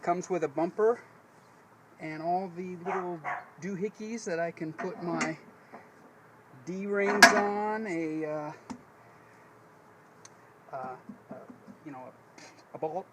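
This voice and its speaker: Noisy on-location camera audio catches an American man's high voice as he demonstrates a DIY task outside next to a vehicle. He speaks slowly and pauses often, folksy and rambling, frequently correcting himself.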